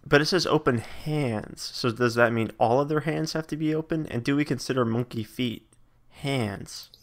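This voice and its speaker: A man's voice: medium pitch, moderate pace. A man co-hosting a casual comedy chat who picks apart wording with dry, quizzical questions. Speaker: podcast co-host.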